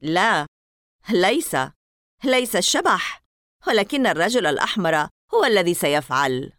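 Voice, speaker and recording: A woman voicing a mysterious boy at summer camp who gives calm, grave warnings. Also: medium pitch, normal speed, no room sound, clean studio sound.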